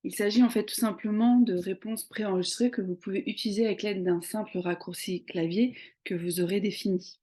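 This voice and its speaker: A woman's voice: mid-range voice, steady tone, brisk, hardly any pauses, mellow. A young woman explaining social media tips in a casual tutorial, talking conversationally with many hesitant fillers. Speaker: social media marketing coach.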